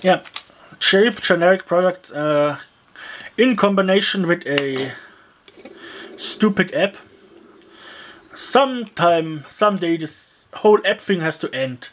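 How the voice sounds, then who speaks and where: An expressive mid-range voice moves at a slow pace and pauses often while dismantling and reviewing an inexpensive gadget. There's a little hiss or hum, and the casual, rambling talk is thick with fillers like "yeah" and "uh" and grumbling comments.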